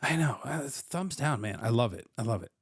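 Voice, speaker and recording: A man's voice: medium pitch, expressive, normal speed, breathy edge, dry recording, clean studio sound. A man hosting a casual reaction commentary, often repeating words as he stumbles, and swearing now and then. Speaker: commentator host.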